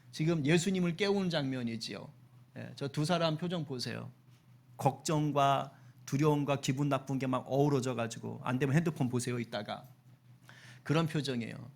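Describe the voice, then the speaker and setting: A man, a senior pastor, preaching a Sunday sermon in a conversational and lively way, acting out voices in his storytelling. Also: fairly high pitch, vocal fry. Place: church sanctuary.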